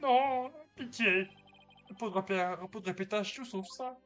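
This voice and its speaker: A woman's voice: medium pitch, normal speed, faint music behind, pitched above the performer's own voice, lightly acted. A woman voicing a sleepy, dim-witted male servant who whines and pleads. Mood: whiny. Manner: whining, pleading.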